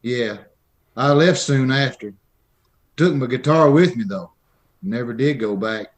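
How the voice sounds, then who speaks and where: With light acting, a man takes on the role of a meek little drifter with odd ways in a classic radio Western. His mid-range voice keeps a measured pace. He talks hesitantly, in simple, folksy phrases that lean toward a drawl.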